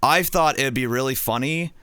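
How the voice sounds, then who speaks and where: A man's voice: medium pitch, normal speed, sharp tone, clean tone, no room sound. A young man streaming a game, chatting casually and rambling, getting distracted as he goes. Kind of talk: casual gaming chat.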